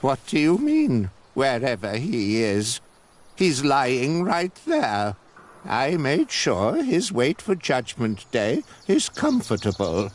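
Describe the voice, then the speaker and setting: An actor playing an elderly, gentle male monk who speaks earnestly, in video game voice acting. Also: mid-range voice, huge pitch swings. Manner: slow, earnest.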